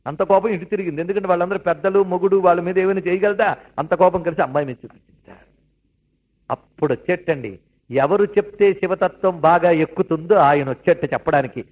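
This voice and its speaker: Man preaching a scripture story, chatty asides, raspy kinda high voice, muffled sound. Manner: animated storytelling with asides to listeners. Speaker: religious storyteller. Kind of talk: devotional discourse. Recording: dull lo-fi recording.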